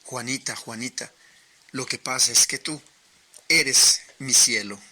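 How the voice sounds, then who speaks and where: Smitten little schoolboy, soft and pleading, slow and bright, as a male storyteller plays him. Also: medium pitch. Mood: tender.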